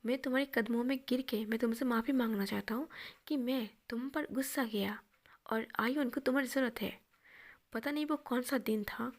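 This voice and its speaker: Hot-tempered young man in a read-aloud story, clipped half-whisper, voiced by a female reader, sits fairly high. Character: angry young man, stern and quick-tempered.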